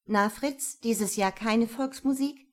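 A sharp-tongued female detective, voiced by a woman narrator, wry and quick with a comeback. The voice stays close to the reader's own. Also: on the high side, pitched above the performer's own voice.

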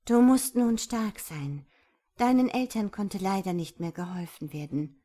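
A woman voicing a serious female social worker who breaks sad news slowly and carefully. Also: mid-range voice, expressive, warm tone. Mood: grave. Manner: slow, grave and careful.

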